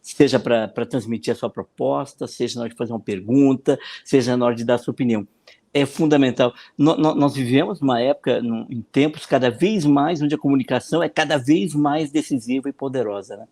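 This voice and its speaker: A political consultant and speaking coach with a Brazilian Portuguese accent answers questions in a podcast interview. His mid-range voice moves a little fast as he explains animatedly, often repeating words and imitating the voices of people he quotes.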